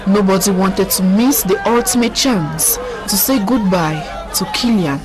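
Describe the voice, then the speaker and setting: A woman's voice: medium pitch, measured pace. A woman reading scripted news narration as a reporter. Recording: music and crowd behind voice-over. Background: music and crowd sounds.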